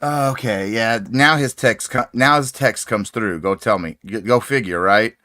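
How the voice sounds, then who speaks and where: A man chats through a crochet livestream, calling viewers sweetie and laughing between greetings. His voice sits at a middle pitch. The desk mic gives a dry, close sound with no room around it. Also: unhurried, dry recording. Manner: chatty, greets viewers warmly, laughs often. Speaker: crochet channel host. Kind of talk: casual livestream chat. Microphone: desk microphone.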